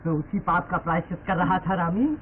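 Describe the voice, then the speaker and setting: A man's voice: high voice, level tone, quick pace, narrow, tinny audio, close to an everyday voice. A man playing an idealistic young poet-priest, speaking with impassioned, declamatory force in a 1930s film melodrama. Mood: defiant. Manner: impassioned, declamatory, rising to cries. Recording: scratchy 1930s film soundtrack, hissy.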